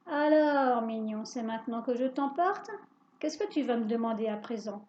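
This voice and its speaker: A woman voicing a spiteful witch who shrieks in a loud, shrill voice, heard on a dull lo-fi recording. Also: lively intonation, normal speed, reverberant, natural voice. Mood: mocking. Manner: shrieking, indignant.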